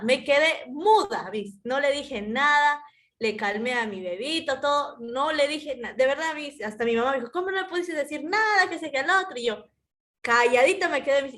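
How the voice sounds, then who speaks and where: Young woman, high voice, tells her story to the class all animated, keeps saying miss. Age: young adult. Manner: animated storytelling, addresses teacher as "Miss" often. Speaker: student. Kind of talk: personal account in class discussion.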